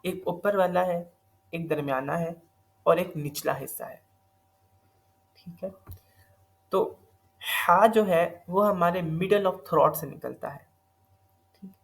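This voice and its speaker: A man's voice: high-pitched, creaky. A man teaching Quran recitation in a recorded online lesson, explaining patiently step by step with a slightly sore throat. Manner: patient step-by-step explaining, mixing in English terms.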